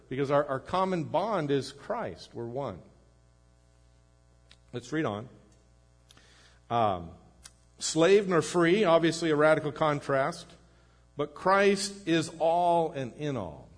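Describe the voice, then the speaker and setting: A man delivers a sermon from the pulpit. His voice sits a little higher than most men's. He preaches earnestly, pressing some phrases with force and letting others sink low and quiet. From United States. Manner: earnest preaching, rising to emphatic then dropping low and quiet. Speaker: pastor.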